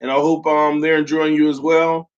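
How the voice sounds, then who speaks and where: On dull lo-fi stream audio, a young man with a fairly high pitch and flat delivery chats at normal speed on his casual sports fan livestream, his voice still sore after being ill. He reads comments in a loose way, with frequent "um" fillers, calling his viewers "man" and "y'all."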